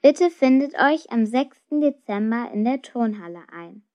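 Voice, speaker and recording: A woman's voice: fairly high pitch, lively intonation, a little slow. Brief: ceremonious, self-important teacher, as a woman narrator puts him on, lo-fi. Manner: formal, pompous announcing. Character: male teacher, pompous and ceremonious. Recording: dull lo-fi recording.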